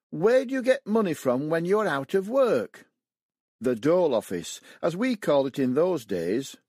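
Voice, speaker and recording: Older man with a lively, high voice narrating. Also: husky, dry recording, clean studio sound. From West Yorkshire, England. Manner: plain, matter-of-fact storytelling. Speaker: author reading his memoir. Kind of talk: audiobook memoir narration.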